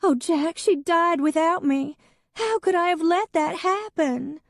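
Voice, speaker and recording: Woman narrator voicing a young woman, weeping, high-strung, much higher than the narration, dry close audiobook sound. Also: a little slow, no room sound. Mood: tearful. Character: young woman, tearful and dramatic.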